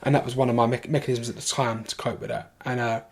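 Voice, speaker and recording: A man with a London accent, a podcast guest telling a long story in a casual way, animated, swearing freely and restarting his sentences. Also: medium pitch, fast talker, a little hiss or hum.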